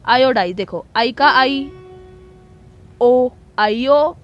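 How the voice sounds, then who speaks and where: A woman's voice: high voice, very slow, muffled recording, faint music behind. Indian woman teaching English words aloud. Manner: spells words out sound by sound, patient and chatty. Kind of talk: casual spoken lesson.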